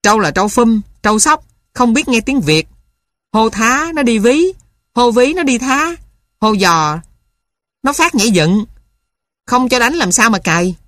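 A brash young farmhand, as a woman reader puts him on, talks back loud and defensive. The voice sits noticeably higher than the reader's own and is dry and close. He sounds quick-tempered and stubborn. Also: animated, dry recording. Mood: defiant. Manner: loud, defensive, clipped retorts.

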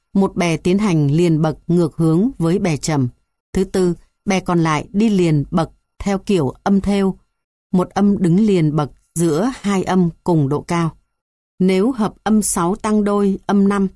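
A woman reading a music theory textbook aloud in an even, measured way, going through numbered points. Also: lowish voice, no room sound, studio quality. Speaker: textbook reader.

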